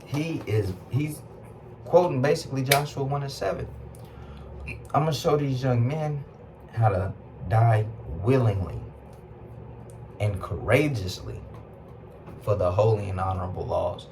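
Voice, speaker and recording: A man with a Southern US accent teaching scripture, reading verses slowly and explaining them in casual speech with rhetorical questions. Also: medium pitch, noisy background. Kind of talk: scripture class preaching.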